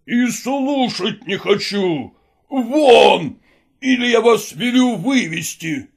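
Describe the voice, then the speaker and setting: A woman reading a storybook, voicing an enraged old male nobleman who blusters and shouts. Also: fairly low pitch, expressive, measured pace, slightly rough, pitched below the performer's own voice, exaggerated voice. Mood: furious.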